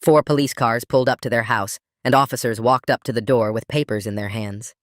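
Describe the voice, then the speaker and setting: Male storyteller, mid-range voice, steady scripted narration, dry studio sound. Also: medium pitch, a little fast, no echo.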